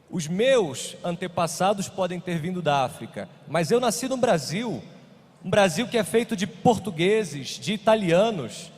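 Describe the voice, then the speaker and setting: Brazilian man, husky voice, earnest and insistent, repeats phrases, panel talk in a reverberant hall. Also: high-pitched. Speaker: panel speaker. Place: conference hall.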